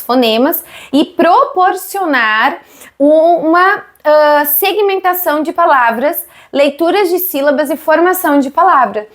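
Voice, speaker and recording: A woman in her thirties with a Brazilian Portuguese accent, explaining literacy teaching and asking her viewers questions. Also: sits high. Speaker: literacy educator.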